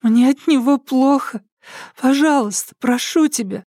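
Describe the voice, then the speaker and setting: A frightened young woman held captive, performed by a male narrator, pleads in a high, trembling, almost childlike voice. Her words come out hurried and timid. The read is dry and close. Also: darkish tone, no echo, heavily acted. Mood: frightened pleading.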